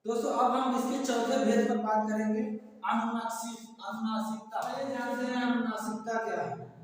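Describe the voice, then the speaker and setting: A high-voiced man explains grammar like a classroom teacher, repeating his examples patiently. He sounds far from the mic, and his voice rings with long room echo. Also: flat delivery. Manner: repetitive, explains slowly with examples, addresses viewers as friends. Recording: echoey distant room sound.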